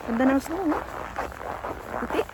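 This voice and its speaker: A woman's voice: high-pitched, animated, a little slow, background noise. A woman vlogging on a winter walk through the snow, chatting and giving friendly tips to her viewers, a little out of breath. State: out of breath while walking. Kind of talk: casual vlog narration. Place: outdoors in winter snow, walking.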